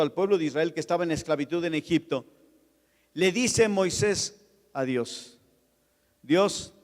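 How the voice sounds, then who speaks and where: High-voiced preaching man in a reverberant hall. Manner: storytelling, shifts from loud preaching to soft anecdote. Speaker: pastor. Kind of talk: sermon. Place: church. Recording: long reverb of a church hall.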